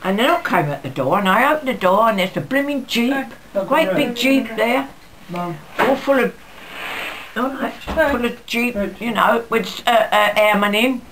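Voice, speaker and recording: A woman's voice: a little high, expressive, a little slow, fairly bright tone, low-quality recording. A woman of ninety-eight tells stories of her past in a chatty, rambling way, acting out bits of dialogue. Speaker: interviewee recalling her wartime life. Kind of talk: casual spoken reminiscence. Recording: busy background chatter around the voice.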